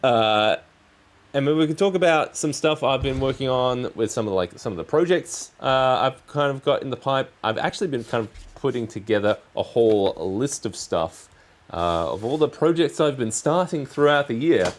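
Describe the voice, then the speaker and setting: A man chatting casually on a hobby livestream as its host, rambling in halting, trailing phrases. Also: mid-range voice, animated. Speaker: streamer, crafting channel host. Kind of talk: casual livestream chat while crafting.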